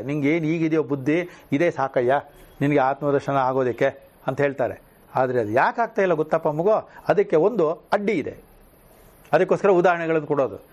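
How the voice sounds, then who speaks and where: A man teaching scripture in a spiritual discourse, who keeps putting questions to his listeners. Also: fairly high pitch. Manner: animated, often asks the listeners questions.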